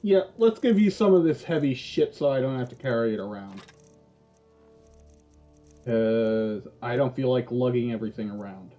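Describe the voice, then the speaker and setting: A man's voice: mid-range voice, animated, moderate pace, warm tone, faint music behind. A man giving casual gameplay commentary, offhand and joking, with some swearing. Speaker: gaming video host.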